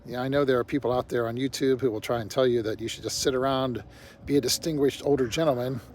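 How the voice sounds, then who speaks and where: A man's voice: mid-range voice, fairly even intonation, quick pace, a little mellow. An older man talking bluntly to camera in a rambling casual monologue, peppered with "you know". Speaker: vlogger. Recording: faint outdoor traffic noise.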